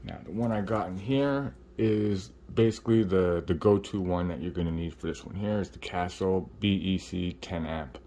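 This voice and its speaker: A man's voice: sits low, moderate pace, hardly any pauses, warm tone, a little hiss or hum. A man giving a casual, informal step-by-step how-to, his speech slightly muffled by a face swollen after surgery. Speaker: RC hobbyist host. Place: indoor hobby workbench.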